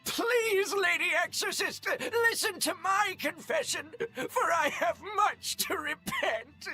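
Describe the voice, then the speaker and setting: An actor playing a remorseful, weeping male cathedral priest in a video game, with a breathy voice and a pleading manner. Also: extremely high pitch, animated, takes it slowly, pushed and bright, exaggerated voice. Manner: pleading, emotional. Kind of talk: game voice acting. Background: game music.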